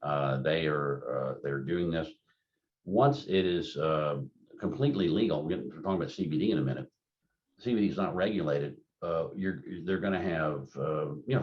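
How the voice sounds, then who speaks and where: A man's voice: sits low, a little mellow. An older man giving a continuing-education lecture in a rambling, anecdotal, conversational way, full of fillers. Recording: dull lo-fi lecture recording.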